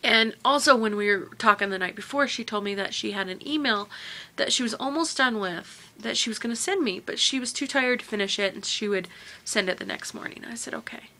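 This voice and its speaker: A woman vlogger telling a personal memory to camera, halting and emotional, often trailing off quietly. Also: on the high side.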